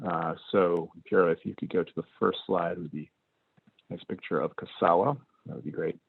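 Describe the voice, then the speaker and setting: Deep, gravelly man, panel moderator, steady with plenty of ums, thin dry phone-like call audio. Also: no echo. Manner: measured, many ums and uhs. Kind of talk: online panel discussion.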